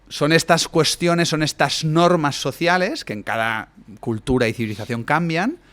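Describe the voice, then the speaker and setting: A man's voice: a little high, fairly bright tone. Man lecturing. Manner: expansive, lecturing, frequent rhetorical tag questions. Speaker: guest coach and writer. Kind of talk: podcast conversation.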